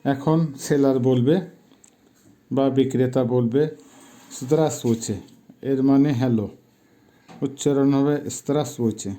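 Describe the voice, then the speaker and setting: A man in his fifties from Bangladesh gives a language lesson at a very unhurried pace. His voice is deep and mellow, and he patiently repeats each word slowly for pronunciation. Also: steady tone. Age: 50s. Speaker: language teacher. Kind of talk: slow, careful language lesson.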